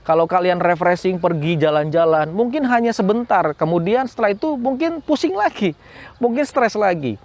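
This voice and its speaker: A man's voice: high voice, expressive, moderate pace. A man giving a morning devotion to schoolchildren, repeating lines and asking rhetorical questions. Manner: repetitive, rhetorical questions, preachy. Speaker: school chaplain. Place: cool outdoor spot.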